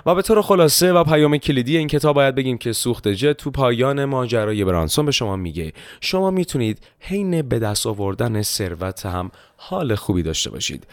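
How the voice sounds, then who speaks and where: A man hosting a book-summary podcast, telling the story in a steady scripted narration and closing with a polite formal thanks. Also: medium pitch, hardly any pauses, dry recording, clean studio sound.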